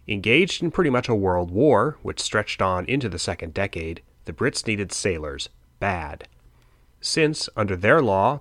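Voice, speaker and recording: Male history narrator, lowish voice, dry close sound, chatty and wry. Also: a bit bright, no echo. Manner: conversational, wry asides. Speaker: history podcast host. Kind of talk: casual scripted history narration.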